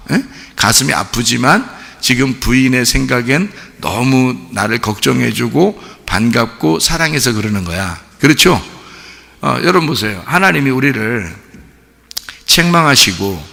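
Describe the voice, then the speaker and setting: Male pastor, gravelly and bright; chatty sermon with rhetorical questions, church reverb. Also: medium pitch. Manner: conversational preaching, frequent rhetorical questions. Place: church sanctuary. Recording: long reverb in a church hall.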